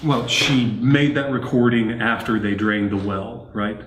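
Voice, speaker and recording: A man playing a calm, sceptical investigator with a casual, dismissive manner, in found-footage horror film style. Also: on the low side, unhurried, natural voice. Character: calm, sceptical male investigator explaining things away. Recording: echoey room, clear background noise.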